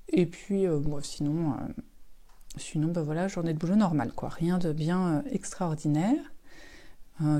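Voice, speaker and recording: A middle-aged woman, hoarse and losing her voice, chatting casually and rambling with many fillers in an evening knitting vlog. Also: lowish voice, warm tone. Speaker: knitting vlogger.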